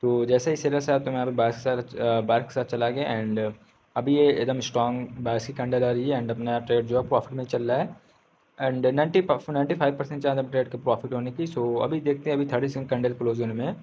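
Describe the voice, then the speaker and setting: A man's voice: mid-range voice, fairly even intonation, mellow, dull audio, a little hiss or hum. A man giving an informal, casual screen-share tutorial on trading, repeating himself and often correcting his words mid-sentence. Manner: says he is speaking slowly on purpose today.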